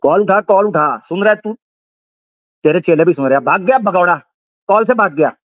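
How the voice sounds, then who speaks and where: A man's voice: sits high, lively intonation, moderate pace, fairly bright tone, no room sound. A man hosting a livestream debate, taunting and repeating his jabs in a heated call-out. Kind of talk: heated live call-out on stream.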